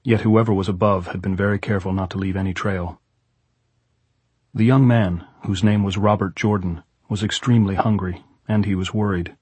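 Husky low-voiced male audiobook narrator. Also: fairly even intonation, normal speed, darkish tone, no room sound. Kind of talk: scripted literary narration.

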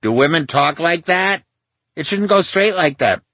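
A man's voice: on the high side, lively intonation, unhurried, sharp tone, dry recording. A man in his sixties reading his memoir aloud to his mother, wry and confiding, with self-mocking asides. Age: 60s. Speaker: memoir author.

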